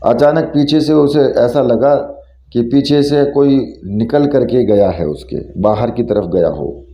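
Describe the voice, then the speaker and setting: A man's voice: mid-range voice, unhurried, mellow. Man narrating a horror story, roomy sound. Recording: roomy, dull lo-fi recording.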